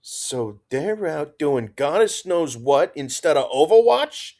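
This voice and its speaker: A man's voice: on the high side, sing-song, takes it slowly, darkish tone, voice pushed up, full character voice. A man playing a dour, snappish woman sergeant. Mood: combative. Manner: snappish and combative.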